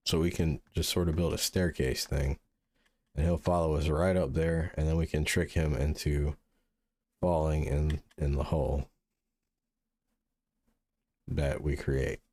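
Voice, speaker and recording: A man hosting a gaming channel, musing through relaxed gameplay commentary and sounding sleepy. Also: rumbling low, measured pace, long pauses, no room sound. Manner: mellow, musing, thinks aloud with restarts. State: sleepy, yawning.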